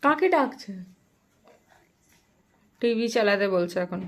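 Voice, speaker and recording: Young Bengali-accented mother narrating a home vlog, high and very animated, coaxing a toddler. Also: takes it slowly, slight background noise. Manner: coaxing, sing-song talk to a toddler, swinging from lively to hushed asides. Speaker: vlogger filming her young son. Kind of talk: casual family vlog narration and talk to a child.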